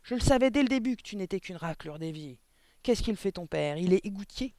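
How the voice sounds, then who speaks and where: Man playing a tyrannical headmistress in a storybook reading, loud contemptuous bark, dry close sound. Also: sits high, brisk, clear, resonant tone, no room sound, pitched above the performer's own voice, close to an everyday voice. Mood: furious. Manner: barking, contemptuous shouting. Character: huge furious tyrannical headmistress barking at children.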